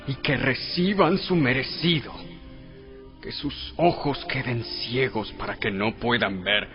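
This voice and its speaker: An actor playing a grave biblical king and psalmist, solemn and declamatory, in a dramatized audio Bible. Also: mid-range voice. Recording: dull sound with music. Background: music.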